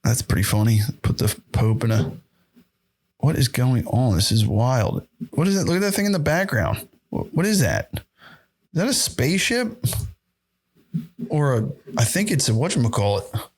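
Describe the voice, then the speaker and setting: A young man hosting a podcast, reacting to videos in a loose, excitable, profanity-heavy way and laughing often into his podcast mic. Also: medium pitch, normal speed, pauses often, breathy edge. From United States. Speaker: podcast host. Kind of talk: casual reaction commentary.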